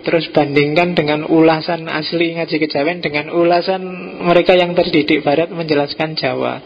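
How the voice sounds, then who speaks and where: A middle-aged man with a Javanese accent giving an informal philosophy lecture in a relaxed, joking way, dropping in local words. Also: on the high side. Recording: dull lo-fi recording with faint noise.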